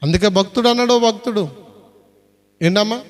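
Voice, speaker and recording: A man's voice: high-pitched, fairly quick, soft background music. A man preaching a sermon as pastor, repeatedly urging the congregation to answer aloud. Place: prayer hall. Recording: long hall reverb.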